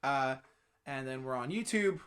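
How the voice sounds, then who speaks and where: A man's voice: medium pitch, expressive, a little slow, fairly bright tone. Laughing, rambling male podcast co-host. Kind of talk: casual chat.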